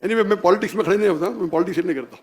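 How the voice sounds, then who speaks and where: A man's voice: high voice, racing, a little mellow. A man giving a public religious talk, emphatic and challenging, firing off rhetorical questions and dropping in English phrases. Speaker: Islamic preacher.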